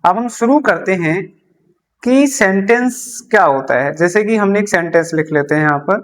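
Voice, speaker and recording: In a mid-range voice at normal speed, a teacher walks beginners through an English lesson using Hindi. Key terms get repeated, self-posed questions get answered, and examples go up on a board.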